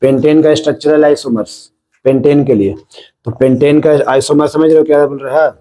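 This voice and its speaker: Mellow-voiced Indian man teaching chemistry. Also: on the high side, steady tone, fairly quick, poor audio. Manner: explains step by step, often checking "है ना?". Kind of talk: classroom-style lecture.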